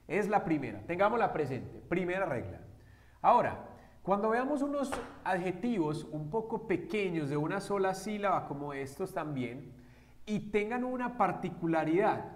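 A man teaching an English grammar lesson to Spanish speakers, explaining step by step and often checking with short questions. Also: a little high. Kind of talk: classroom-style grammar lesson.

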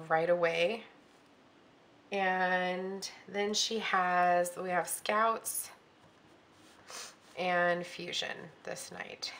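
A middle-aged woman with a bright, crisp edge to a lowish voice, chatting through her week's schedule. She thinks aloud as she goes, filling pauses with ums and correcting herself mid-sentence. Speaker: planner vlogger. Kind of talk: casual planning walkthrough.

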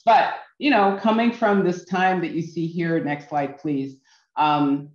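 A woman's voice: fairly low pitch, fairly even intonation. Middle-aged woman from Barbados, earnest workshop presenter, some ums; roomy, dull video-call sound. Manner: earnest, measured, with frequent ums and restarts. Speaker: workshop speaker.

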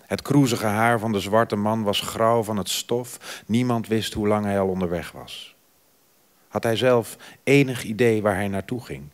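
Brief: low male reader, unhurried literary narration, phrases fading soft at the end, live theatre stage. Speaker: writer reading at a festival. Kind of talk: literary reading at a festival. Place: theatre stage before an audience.

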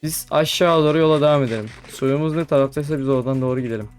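A man's voice: fairly high pitch, rapid-fire, clear, resonant tone. Chatty young man narrating gameplay. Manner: chatty, talks to mobs, frequent excited exclamations. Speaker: gaming YouTuber. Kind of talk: casual gameplay commentary. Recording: faint background music.

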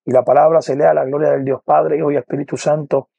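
Gravelly Puerto Rican evangelist. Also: male voice, on the high side, flat delivery, fast talker, dark tone, no echo, dull audio. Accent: Puerto Rican Spanish. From Puerto Rico. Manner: earnest, repeats "poderoso el nombre de Jesús", many "eh" and "¿verdad?". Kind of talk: personal testimony to camera. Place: indoor room with lamp, seated. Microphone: lapel mic.

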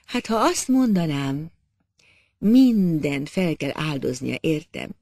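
A man voicing a mysterious young masked woman who speaks with intense, commanding slowness in a storybook reading. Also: a little high, sing-song, creaky, a little mellow, no room sound, clean studio sound, exaggerated voice. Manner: intense, commanding, slow deliberate threats.

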